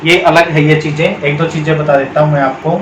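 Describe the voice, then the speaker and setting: A man with an Indian accent teaches a video lesson, his slightly raised voice going over each word slowly and more than once. The sound is roomy and echoey, with a faint hum of noise underneath. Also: on the high side, fairly even intonation. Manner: explains step by step, repeats words slowly, calls students beta. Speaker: English grammar teacher. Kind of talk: classroom-style video lesson.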